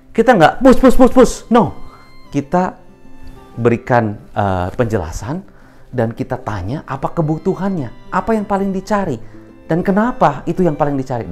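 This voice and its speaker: Male sales trainer with a lively, swinging delivery and faint music behind. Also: medium pitch. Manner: animated, mixes in English terms. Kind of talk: training talk with role-play demos.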